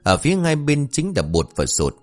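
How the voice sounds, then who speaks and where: A man narrating a comic folk tale in an animated, expressive way. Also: on the high side, normal speed, soft background music. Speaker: storyteller.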